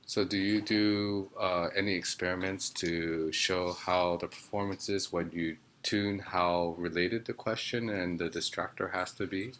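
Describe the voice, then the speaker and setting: Deep, bright-toned man asking from the audience. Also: steady tone, a little slow, hardly any pauses, a little hiss or hum. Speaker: audience member asking a question. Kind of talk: question from the audience.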